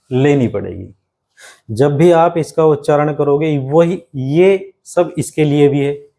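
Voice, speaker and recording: With a warm tone on the high side, a man leads exam students through a grammar lesson one step at a time. He leans heavily on rhetorical questions and frequently calls the class his friends.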